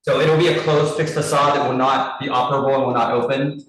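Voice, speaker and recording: A man chairing a public committee meeting over a group video call, briskly reading out license terms and calling a vote. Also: medium pitch, fairly even intonation, fairly bright tone. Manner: brisk, businesslike, reads lists with small restarts. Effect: heard over a group video call. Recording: very roomy echo from a distant mic, faint noise.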